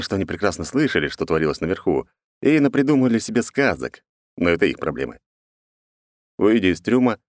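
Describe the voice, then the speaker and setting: A man narrating a first-person audiobook in a sardonic, deadpan manner. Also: deep voice, no room sound, studio quality.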